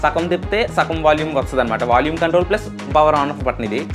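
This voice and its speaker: Talking very fast in a fairly high voice, a video host from India explains things casually while unboxing and demoing a product. Loud music plays behind him.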